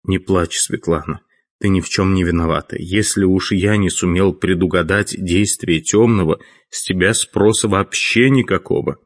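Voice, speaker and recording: A man's voice: lowish voice, animated. A man reading a dry-voiced stern chief mage. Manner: dry, measured.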